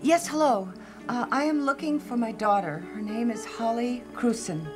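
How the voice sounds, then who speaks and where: A woman's voice: a little high, moderate pace, over music, natural voice. Anxious searching mother, played by an actress. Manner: anxious, hesitant. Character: anxious mother searching for her missing daughter. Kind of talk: documentary reenactment.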